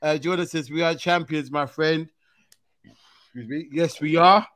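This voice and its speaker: Male host, urban London roadman accent, casual animated banter, sharp bright tone. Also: fairly high pitch, a little slow, dry recording. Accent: London, urban street style. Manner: slangy, animated. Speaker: football talk show host.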